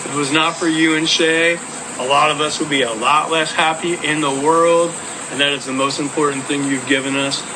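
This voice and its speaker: A man's voice: a little high, steady tone, normal speed. A man speaking in a recorded birthday video message, played back from a laptop speaker and picked up by a microphone. He talks with affection in short, heartfelt phrases. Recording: laptop speaker playback with loud background noise.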